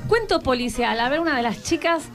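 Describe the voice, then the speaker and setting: A woman's voice: sits high, animated, fairly quick, fairly bright tone, soft background music. A woman, hosting a live radio show and coaxing schoolchildren with short, encouraging questions. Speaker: radio host.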